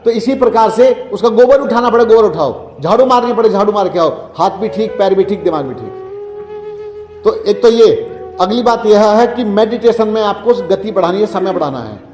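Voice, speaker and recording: A man's voice: sits high, normal speed, a little mellow. A man giving health and meditation advice in a preachy way, repeating phrases and asking rhetorical questions. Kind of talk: advice talk to a listener. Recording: roomy echo, long reverb, faint music.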